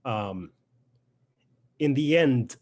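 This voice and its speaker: Young male poet, Lebanese accent, native Arabic speaker, mid-range voice, reflective, pausing as he introduces his work. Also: mid-range voice, expressive, darkish tone. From Beirut, Lebanon. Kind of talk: informal spoken introduction to a poetry reading.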